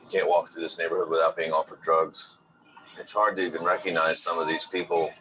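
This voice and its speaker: Deep-voiced man, casual, with background noise. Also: level tone, brisk. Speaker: local guide. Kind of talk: casual documentary interview. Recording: noticeable street or vehicle noise.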